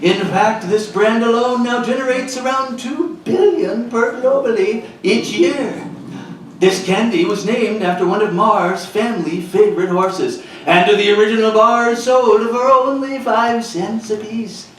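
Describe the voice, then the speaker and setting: Comic trivia host male actor: wry, teasing, theatrical, very high animated voice, unhurried, in a roomy hall. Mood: upbeat, presenting. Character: wisecracking host of a spooky comedy trivia show. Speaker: game show host. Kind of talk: scripted comic quiz hosting. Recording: echoey hall, far mic, faint noise.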